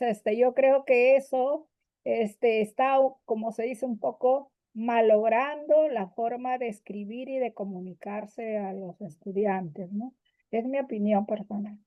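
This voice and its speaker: A woman teacher speaks at a middling pitch, sharing her view with colleagues and pausing on "este" fillers. The sound is thin and phone-like, with a flat, close, dry quality. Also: no echo. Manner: frequent "¿no?" tags and "este" fillers. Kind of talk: opinion in a staff workshop. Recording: tinny dry phone-like call audio.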